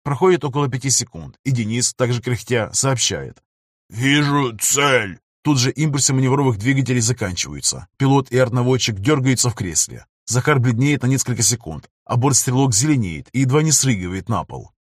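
A man reads an audiobook in dramatic narration, switching into the crew's shouted commands when they speak. His voice sits at an ordinary middle pitch, and the recording is dry and close to the mic. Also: expressive, fairly quick, hardly any pauses, breathy edge, no room sound.

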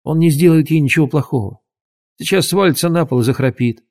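A man voicing a cautious, excitable boy who talks fast and protests, reading a storybook aloud. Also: fairly high pitch, voice pushed up, close to an everyday voice. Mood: scoffing. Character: anxious cautious boy, Douglas's friend.

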